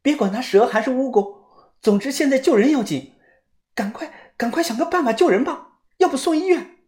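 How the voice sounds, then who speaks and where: Worried young man pushing the group, pitched up, by the narrator. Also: lively intonation, moderate pace, darkish tone. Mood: urgent. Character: anxious young man urging action.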